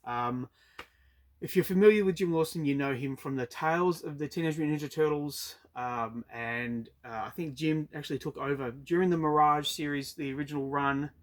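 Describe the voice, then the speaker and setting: A man's voice: fairly high pitch, moderate pace. An Australian man chatting casually about his weekly comic purchases, with frequent ums and uhs. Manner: hesitant, many ums and uhs. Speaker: comic book collector vlogger. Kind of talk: casual review chat. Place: storage unit.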